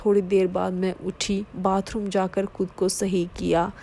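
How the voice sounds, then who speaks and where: A woman reading a first-person story aloud in a steady, low-key way. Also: measured pace, gravelly, a little hiss or hum. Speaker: narrator.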